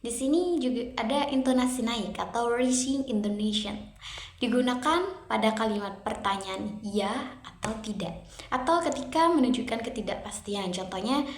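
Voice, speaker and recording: A young woman reads a prepared lesson in a calm, even, measured way. Her voice sits somewhat high, and the recording has the echo of a bare room. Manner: steady, measured reading that switches between English and Indonesian explanations. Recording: echoey room.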